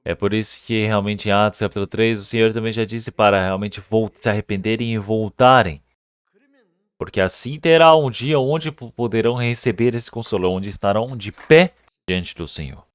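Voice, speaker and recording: A man's voice: on the low side, moderate pace, clean tone, no echo. A male pastor giving a Sunday sermon at a church service, earnest and emphatic, often putting rhetorical questions to the congregation. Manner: earnest, emphatic preaching with repeated words.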